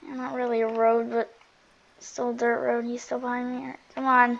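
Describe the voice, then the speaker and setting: A woman with a fairly high voice talks her way through a game in casual running commentary. She often seems to address herself, moving between muttered asides and louder outbursts. The microphone sounds slightly dull and lo-fi. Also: level tone, normal speed, creaky. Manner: chatty running commentary, often talking to self; volume swings from muttering to loud exclamations.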